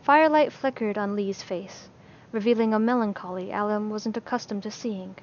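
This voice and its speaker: A woman narrating a fantasy story in a measured, steady storytelling voice. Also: mid-range voice, slight background noise. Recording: slightly dull lo-fi recording.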